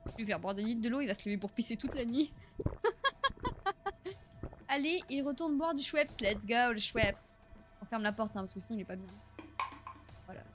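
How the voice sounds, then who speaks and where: Excitable young woman streaming a game. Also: a little high, normal speed, pauses often, music in the background. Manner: excitable, swears and laughs often, chats to viewers. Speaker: streamer playing a horror game. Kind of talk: live gameplay commentary.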